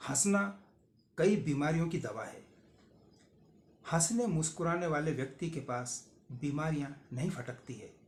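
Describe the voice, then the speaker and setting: A man narrating a first-person story in a slow, measured, homely way. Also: mid-range voice, a little hiss or hum. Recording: roomy echo.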